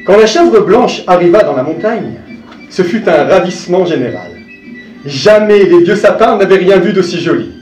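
A man giving a live dramatic reading of a classic tale, expressive and speaking straight to his listener, dropping to hushed asides. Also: normal speed. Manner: expressive, addresses the listener directly, sinks to hushed low asides. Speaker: storyteller. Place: live performance room. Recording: roomy distant live recording, faint music.

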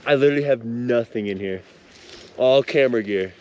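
A man's voice: medium pitch, a little fast, darkish tone, highs cut off, a little hiss or hum. A young man filming himself on a camera at arm's length while skiing on snowy slopes, chatting in a laid-back way with lots of "like" and "dude". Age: young adult. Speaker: vlogger skier. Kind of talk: casual vlog talk. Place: outdoors on snowy ski slopes among trees. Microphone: action camera held at arm's length.

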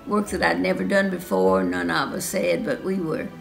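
A woman's voice: lowish voice, expressive, moderate pace, vocal fry, faint music behind. An older woman earnestly recalling her wartime work. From Alabama, USA. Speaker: interviewee, former riveter. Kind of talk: personal testimony.

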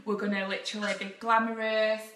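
Woman, bright tone, chatty rambling live video, echoey room with faint noise. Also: medium pitch, little pitch movement, fast talker. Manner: chatty, rambling, laughs often. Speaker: vlogger. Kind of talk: casual live video chat.

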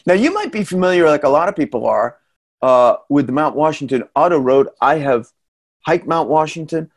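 A man's voice: on the high side, expressive, moderate pace. A middle-aged man with a New England accent telling travel stories in a casual slide talk over a video call, chatty and self-deprecating with many fillers. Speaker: tour guide and storyteller giving a slide talk. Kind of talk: casual storytelling presentation. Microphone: webcam on a video call.

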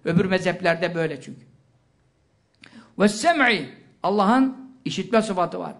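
A man giving a religious lecture, asking questions and answering them himself, with quick recited Arabic verses. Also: sits high, expressive, creaky, fairly bright tone. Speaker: preacher.

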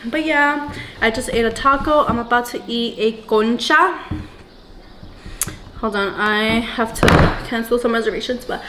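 A young woman in her twenties vlogs from her car, chatty and animated, with a slightly high voice and many fillers. Car noise hums clearly under her voice, picked up by a dashboard camera. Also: unhurried. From born in Ecuador, raised in New York City. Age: 20s. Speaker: lifestyle vlogger. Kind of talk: casual vlog chat. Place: parked car, indoors in a kitchen at first.

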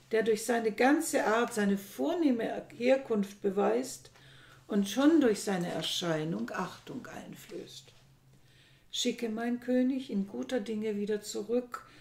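A woman narrating an audiobook reading of a classic novel in a steady storytelling manner. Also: medium pitch, vocal fry. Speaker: reader. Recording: echoey room.

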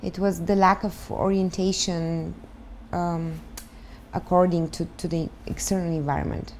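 A woman in her thirties from Bulgaria, speaking English with a Bulgarian accent, answering interview questions thoughtfully and pausing to search for words. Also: on the low side, little pitch movement, darkish tone, slight background noise. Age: 30s. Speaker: guest, start-up founder. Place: living room, on a sofa.

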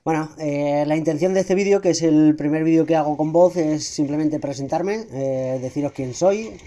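A man's voice: fairly high pitch, moderate pace, warm tone. A middle-aged man from Spain narrating his motorcycle channel in a casual, hesitant voice-over, full of fillers. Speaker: motovlogger. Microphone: voice-over recorded apart from the ride.

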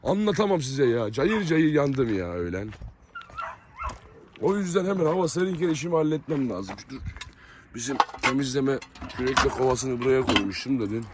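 A man's voice: mid-range voice, animated, moderate pace. A man chatting to viewers on his farm as he walks among his dogs, cooing at them fondly. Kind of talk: casual vlog talk to viewers and dogs. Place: outdoors on a foggy farm with dog pens. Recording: noisy outdoor recording with barking dogs. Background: dogs barking.

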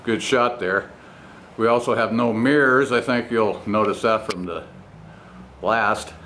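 A man with a lowish, pushed, bright voice narrates casually at an unhurried pace and with fairly even intonation, and noticeable background noise runs underneath him. He's a motorcycle vlogger and home mechanic giving a walkaround of his custom bike work, recorded noisily on a handheld camera mic in his home garage with the door open.

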